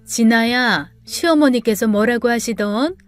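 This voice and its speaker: A woman's voice: a little high, a little slow, lightly acted. A woman voicing a concerned middle-aged mother who questions her daughter. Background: soft background music.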